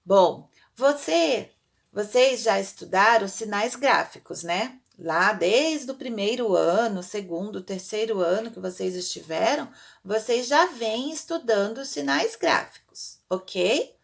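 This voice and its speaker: A woman's voice: mid-range voice, slow, vocal fry. A woman teaching a recorded class lesson, patient and drawing out her example words.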